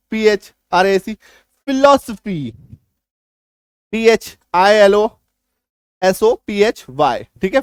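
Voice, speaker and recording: A man's voice: sits high, no room sound, studio quality. A man teaching an English spelling lesson, explaining with everyday examples and checking often that his students follow.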